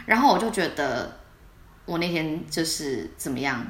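A woman's voice: low voice, moderate pace, reverberant. A young adult woman, co-hosting a casual podcast chat and telling stories with lots of laughter. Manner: animated storytelling with frequent laughter. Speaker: podcast co-host.

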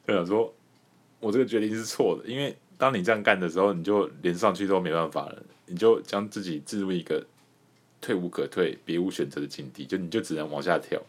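A man from Taiwan hosting a podcast, telling a comic personal story in an animated way and laughing often. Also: deep voice, quick pace. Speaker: podcast host.

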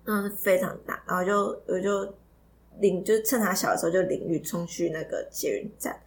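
A woman's voice: medium pitch, moderate pace, slight background noise. A woman co-hosting a podcast, telling a story in casual chat, giggling and stumbling over repeated words. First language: not Taiwanese Hokkien. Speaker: podcast co-host.

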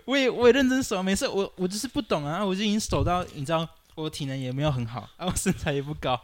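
Fast-talking animated man. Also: sits high. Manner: animated complaining, acts out quotes loudly. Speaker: podcast co-host. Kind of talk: casual chat about basketball.

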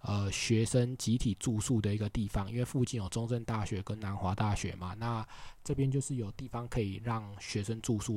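A man's voice: on the low side, warm tone, dry recording. A young man from Tainan with a Taiwanese Mandarin accent, telling travel stories in a chatty, rambling way full of filler words. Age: young adult. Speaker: vlogger on a walking trip around the island. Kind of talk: casual storytelling.

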